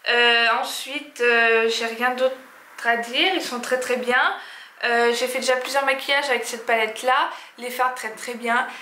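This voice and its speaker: Bright-voiced hesitant woman vlogger. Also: fairly high pitch, fairly even intonation, measured pace, a little hiss or hum. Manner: hesitant, many fillers and restarts. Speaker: beauty vlogger. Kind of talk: casual product review. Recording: echoey room.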